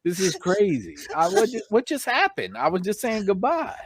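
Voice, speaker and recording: A man runs a laid-back live stream, chatting loosely and giving slangy shout-outs to his viewers, his voice a bit hoarse from talking so long. His voice is high with huge swings in pitch, and he speaks at a normal speed.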